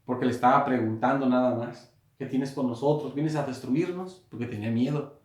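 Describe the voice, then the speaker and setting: A male pastor gives a sermon from a small room, his mid-range voice ringing off the walls. He repeats and rephrases as he goes, and swells to loud emphasis whenever he reaches a quoted line. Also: mid-range voice, fairly quick, echoey room.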